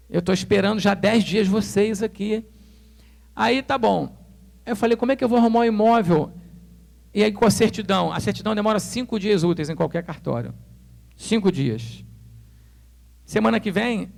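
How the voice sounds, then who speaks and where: A male pastor with a Brazilian Portuguese accent tells a story from the pulpit and acts out every line of dialogue. His voice sits high and has a gravelly edge to it. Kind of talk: sermon storytelling.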